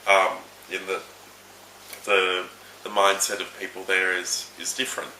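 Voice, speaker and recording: Australian man, deep monotone, sharp bright tone, halting and self-correcting; roomy recording with faint noise. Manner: hesitant, keeps correcting his own words. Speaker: interviewee. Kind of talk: reflective interview talk.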